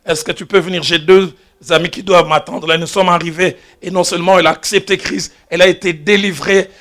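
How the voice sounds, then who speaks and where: In church, a man preaches a sermon to his congregation in a bright, ringing, high voice with a steady tone and a fairly quick pace. He tells stories by dropping into hushed asides, then rising to loud exclamations.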